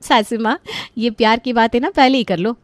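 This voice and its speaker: A woman's voice: on the high side, normal speed, dry recording, pitched above the performer's own voice, close to an everyday voice. A woman voicing a playful young bride who teases her mother-in-law in a storybook tale. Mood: teasing. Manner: playful, teasing. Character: young new bride, teasing.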